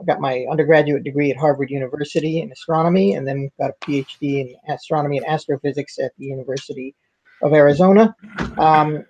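An older man speaks as a guest on a video-call roundtable, stopping often on fillers as he works through his thoughts. His voice sits a little high and comes through a headset mic. The call audio is dull and lo-fi. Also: darkish tone. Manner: hesitant, many fillers. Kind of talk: casual discussion. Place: wood-panelled home room.

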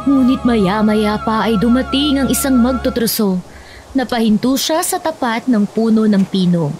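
Woman, storyteller, scripted children's narration, slightly high pitch, background music. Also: moderate pace, darkish tone.

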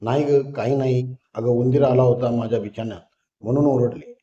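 A man voicing a flustered young married woman who speaks in a pleading, hurried way. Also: medium pitch, fairly even intonation, dark tone, lightly acted. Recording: roomy, dull lo-fi recording.

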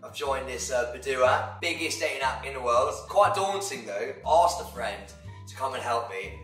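A man, chatting casually in an excitable, jokey, playful way. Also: medium pitch, normal speed. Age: 20s. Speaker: host, vlogger. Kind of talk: casual chat. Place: living room sofa, indoors. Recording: roomy, distant mic, faint music.

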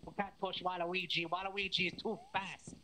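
A woman's voice: lowish voice, level tone, moderate pace, bright, forceful tone, a little hiss or hum. A woman playing along on voice chat, teasing and explaining game things in casual talk. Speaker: co-player on voice chat.

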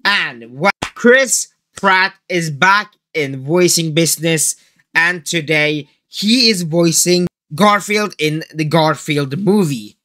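In a small room full of collectibles, a teenage young man reacts to a trailer in a fairly high, bright, forceful voice, speaking slowly. He hosts reaction videos and rambles casually, his phrasing hesitant.

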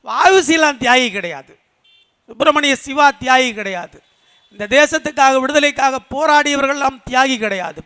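A party speaker with an extremely high-pitched, sharp voice delivers a fiery political rally speech at a public meeting, hammering home his points with rhetorical questions and repetition.

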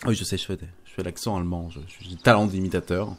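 A man's voice: low voice, steady tone, fast, a bit bright. A man giving casual let's-play commentary, chatty and stumbling, reading game text aloud and swearing lightly. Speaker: gaming YouTuber.

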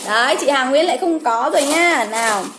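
Hosting a casual livestream from home, a woman draws giveaway winners, chattily calling names again and again with frequent exclamations. Her voice is high with lively intonation and a little fast, over some background noise.

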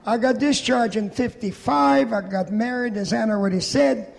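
Creaky high-voiced man in his 80s, echoey hall. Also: normal speed. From Poland. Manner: plainspoken storytelling with dry humor. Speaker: Holocaust survivor and veteran speaker. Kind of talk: public speech. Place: large event hall.

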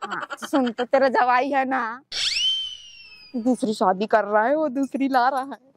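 A woman's voice: high-pitched, a little slow, heavy background noise. A woman in a comedy sketch, chatting on the phone and bickering and scolding.

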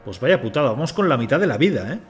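A man's voice: mid-range voice, very animated, fast talker, faint music behind. A man from Spain, swearing and talking to himself as he streams a game. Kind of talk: casual live gameplay commentary.

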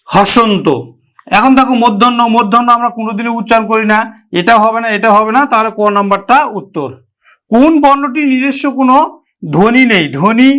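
Bangladeshi guy teaching exam grammar, high voice, says words over and over to show how they sound. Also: fairly bright tone. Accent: Bangladeshi Bengali. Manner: explains step by step, repeats words to model pronunciation. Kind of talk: exam-prep Bengali grammar lesson.

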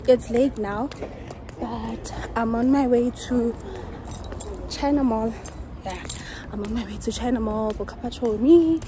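A woman's voice: on the high side, measured pace, noisy background. Chatty South African woman vlogging. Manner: chatty, mixes Setswana and English. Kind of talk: casual vlog chat. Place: car and shops, handheld camera. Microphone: phone camera at arm's length.

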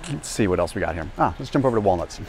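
Quick talking guy walking a store aisle explaining nutrition, clipped on mic, faint background noise. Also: low voice. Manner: fast, energetic explaining to camera. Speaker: health and nutrition vlogger. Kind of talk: educational grocery walk-through. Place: large indoor warehouse store. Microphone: small lapel mic.

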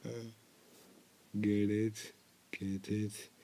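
This young man's fairly low, warm voice stays monotone, and he draws out his words. He's reacting to a cartoon in a small bedroom, joking and rambling into an earbud headset mic with muttered asides and some cursing.

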